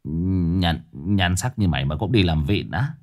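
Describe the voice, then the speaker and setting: Man voicing a gruff old exorcist. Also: lively intonation, measured pace, a little mellow. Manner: curt, bossy, low growl.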